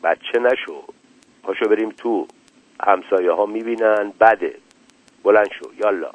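A man voicing a blunt young husband who turns gentle and coaxing, in an old radio story. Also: fairly low pitch, no echo, natural voice. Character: hungry young husband, gruff but tender. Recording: tinny dry lo-fi radio recording.

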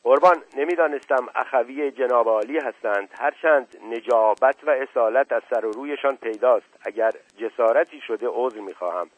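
A man's voice: mid-range voice, hardly any pauses, close to an everyday voice. A man voicing a pompous, fawning police officer in an audiobook, recorded with a tinny, dry sound. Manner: shouting, then bowing and flattering. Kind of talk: audiobook character voice.

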